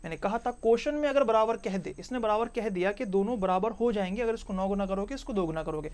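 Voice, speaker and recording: A man's voice: high-pitched, fast, a little mellow, smooth. A male math teacher walks through a problem at the board, one step at a time. He repeats each point and checks in with his students as he goes. He slips English math terms into his explanation. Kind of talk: board-work math lesson.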